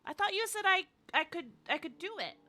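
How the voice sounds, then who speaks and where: A woman's voice: very high-pitched, expressive, a little fast, pushed and bright. A woman playing a tabletop game, chatting casually as she describes what her character does.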